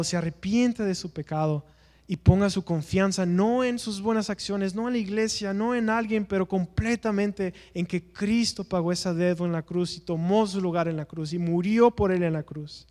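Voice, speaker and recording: A man's voice: high voice, darkish tone, in a large hall. A man teaching an evangelism class in a church, earnest and preacher-like, asking rhetorical questions and answering them himself.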